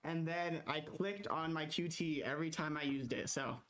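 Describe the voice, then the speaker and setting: A man co-hosting a livestream, chatting casually and commenting on his game, excitable and often repeating words. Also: fairly high pitch, moderate pace. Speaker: livestream co-host and gamer.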